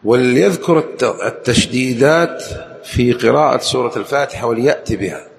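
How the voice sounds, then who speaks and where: A man giving a religious lesson on recitation, slowly demonstrating each sound and quizzing his listeners. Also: medium pitch, animated, creaky, slight background noise. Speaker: religious teacher.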